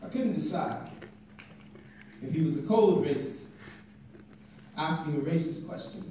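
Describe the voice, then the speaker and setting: A young man performing spoken word poetry at a stand mic in a classroom, building from quiet intensity to shouting, filmed from the audience. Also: a little high, expressive, a little slow, a little hiss or hum. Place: classroom at a conference, indoors. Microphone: stand mic, filmed by a phone from the audience. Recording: echoey room from far off.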